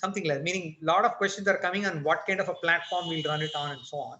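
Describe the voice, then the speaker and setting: Bright, rapid-fire Indian Tamil man moderating. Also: sits high, a little hiss or hum. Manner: directive, often checking for agreement. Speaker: meeting moderator. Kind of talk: conversational question and clarification.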